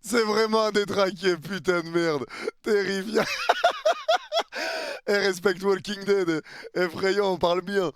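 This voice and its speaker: A man's voice: sits high, fairly even intonation, measured pace, smooth, dry recording, studio quality. A man reacting live to a football vlog, commenting and swearing at what he sees. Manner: commenting and laughing at the video, swearing.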